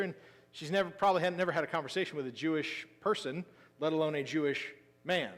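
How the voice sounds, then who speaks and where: A man preaching a sermon as pastor, telling the story with lively emphasis that drops into quiet asides. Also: a little high. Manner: animated storytelling, swinging between loud emphasis and quiet asides. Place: church sanctuary. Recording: long hall reverb.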